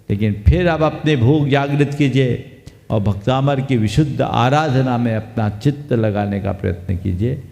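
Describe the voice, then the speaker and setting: A male monk delivers a sermon at a slow, deliberate pace, stopping to quiz his audience. His voice is dark and gravelly. It rings out with a long reverb in a hall. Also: lowish voice. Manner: slow, teacherly, quizzes the audience. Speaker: Jain monk preacher. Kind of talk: sermon discourse.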